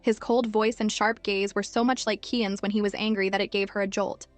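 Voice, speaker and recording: A woman narrating a story recap in smooth, steady scripted storytelling. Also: mid-range voice, fairly quick, dry recording, soft background music.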